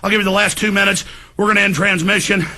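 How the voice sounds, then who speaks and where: A man hosting a talk show, delivering an indignant, vehement political rant that builds toward yelling. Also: high-pitched, flat delivery, fast.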